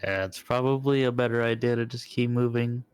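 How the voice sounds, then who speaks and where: A man's voice: medium pitch, brisk, clean tone, no room sound, studio quality. A man chatting casually as a player in a tabletop role-playing game.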